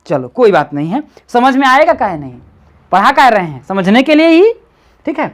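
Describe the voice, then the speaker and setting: A woman tutoring reading one-on-one, patiently repeating syllables slowly and coaxing her student along. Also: a little high, sing-song.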